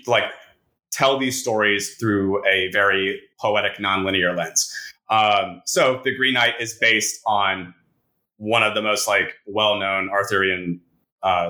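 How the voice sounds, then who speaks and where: Guy co-hosting a podcast, lowish bright voice, rambles on excitedly, lots of likes. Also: low-quality recording. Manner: enthusiastic, rambling, peppers talk with "like". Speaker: podcast co-host. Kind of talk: casual chat.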